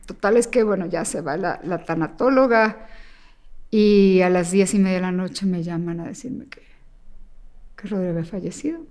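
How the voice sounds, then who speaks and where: A woman guest telling an emotional personal story, acting out the voices of the people in it and sometimes rushing through in fast bursts. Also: lowish voice. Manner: animated, acts out quoted dialogue. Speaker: interview guest.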